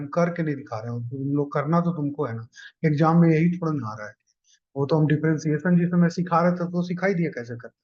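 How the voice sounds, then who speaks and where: A man teaching exam-prep economics math, explaining each step and checking in with students. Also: sits high. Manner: explains step by step, often asks "clear?" and "ठीक है". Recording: dull lo-fi recording.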